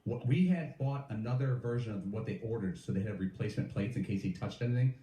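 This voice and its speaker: Fast-talking mellow man, roomy. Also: lowish voice, far from the mic. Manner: quick, piles on details. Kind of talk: casual storytelling chat. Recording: roomy sound from off mic, faint ambience.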